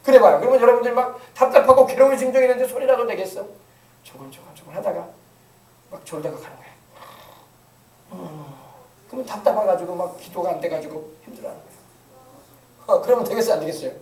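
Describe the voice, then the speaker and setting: A high-pitched middle-aged male pastor delivers a sermon in a folksy, joking manner, slipping into impressions of grumbling elders. He sounds a little distant from the microphone. The church room around him rings with echo. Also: fast, long pauses, a little mellow, a little hiss or hum. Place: church sanctuary.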